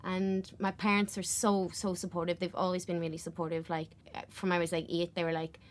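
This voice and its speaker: A woman's voice: on the low side, level tone, fairly quick, slight background noise. A young woman with a West Belfast accent chats casually and effusively in an interview, repeating words for emphasis. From West Belfast, Northern Ireland. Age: young adult. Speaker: actress being interviewed.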